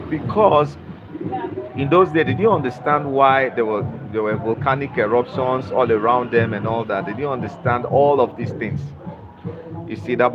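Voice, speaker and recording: Nigerian-born guy hosting a live stream, lecturing over and over, dull muffled audio, music playing behind. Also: mid-range voice. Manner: repetitive, filler-heavy lecturing with "you know". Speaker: livestream host. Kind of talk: live-stream talk to viewers.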